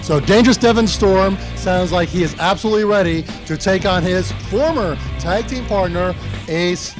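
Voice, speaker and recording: High-voiced male wrestling interviewer. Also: moderate pace, rough recording. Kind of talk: backstage interview. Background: loud music.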